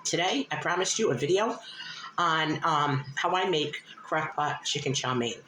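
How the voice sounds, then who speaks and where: Woman, low voice, a bit short of breath, recovering from illness, plain-spoken cooking vlog chat, animated melody. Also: moderate pace. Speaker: host of a home cooking vlog. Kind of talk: casual cooking demonstration to viewers. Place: indoors at home, in a kitchen. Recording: roomy echo, clear background noise.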